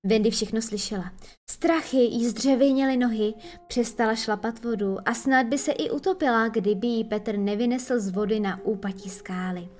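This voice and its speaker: A woman narrating a children's storybook in a lively, expressive way. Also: a little high. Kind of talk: storybook reading.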